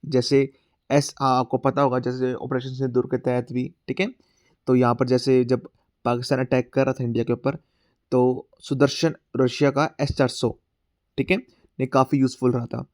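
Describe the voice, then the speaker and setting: A male current affairs teacher with a sore throat explains exam quiz questions in a prep class, mixing Hindi and English and often saying "theek hai." His medium-pitched delivery is flat, he reads the English question text slowly, and the studio sound is clean with no room noise.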